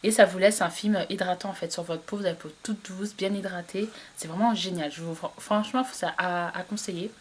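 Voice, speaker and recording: A woman's voice: lowish voice, fairly even intonation, fairly quick, few pauses, slightly rough. A woman chatting casually to camera about beauty products she bought, hesitating often with fillers and restarts. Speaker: beauty vlogger. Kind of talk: casual product haul review.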